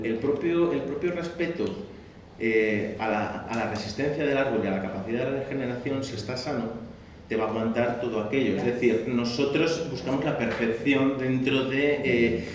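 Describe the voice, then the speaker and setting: A man's voice: mid-range voice, moderate pace, far from the mic. A man gives a hesitant, explanatory talk in a very echoey hall. He sits well back from the mic, with faint noise underneath. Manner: hesitant, explanatory, many fillers. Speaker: bonsai speaker. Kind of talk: public talk. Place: exhibition hall. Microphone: far from the mic.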